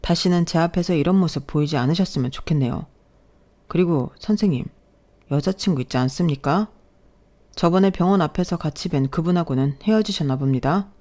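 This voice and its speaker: A woman voicing a calm young male surgeon professor who speaks in a measured, firm, authoritative way. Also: sits low, lightly acted.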